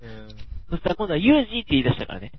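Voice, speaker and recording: A man co-hosting a podcast in casual anime chat, animated and leading the talk with quick asides. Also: a little high, slightly rough, no room sound. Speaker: podcast co-host. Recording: dull, lo-fi, dry.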